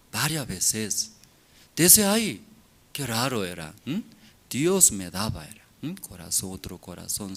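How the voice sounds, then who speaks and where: Slow, lively foreign-accented preacher man. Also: medium pitch. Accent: foreign accent in Spanish. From outside Bolivia. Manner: slow, halting, constantly checking in with the listeners. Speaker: pastor. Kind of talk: sermon to a congregation.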